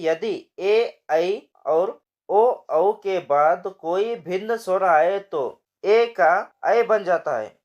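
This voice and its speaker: A male teacher explaining a grammar lesson, asking rhetorical questions and walking students through each example. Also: fairly high pitch.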